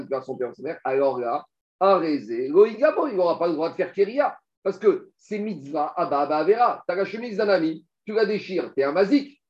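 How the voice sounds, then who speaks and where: Guy teaching talmud in w/ words, kinda high voice, lots of rhetorical questions, dull lo-fi sound. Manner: explains step by step, rhetorical questions, animated. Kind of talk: Talmud study class. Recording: dull lo-fi recording.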